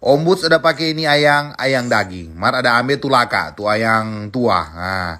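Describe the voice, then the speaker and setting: A man's voice: medium pitch, animated, normal speed, sharp tone. A man with a Manado Malay accent from North Sulawesi, chatting casually and playfully to viewers as a food vlog host, talking while chewing. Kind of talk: casual mukbang chat to viewers.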